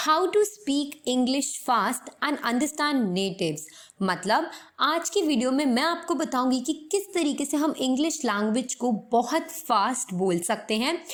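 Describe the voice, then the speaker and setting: A young woman with an Indian accent giving an English lesson in Hindi, explaining slowly and demonstrating phrases. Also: high-pitched. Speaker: English teacher.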